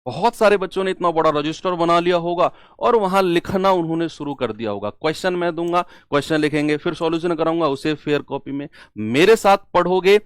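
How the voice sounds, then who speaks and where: A male maths teacher giving an online class lecture, slowly repeating key terms and asking and answering his own questions. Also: fairly high pitch, clear, resonant tone, no echo, clean studio sound.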